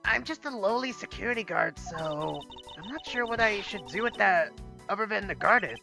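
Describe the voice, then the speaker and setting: A man voicing a meek, hapless young female security guard in a pitched-up, raspy, chipmunk-like voice for a video game playthrough. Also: animated, normal speed, music in the background.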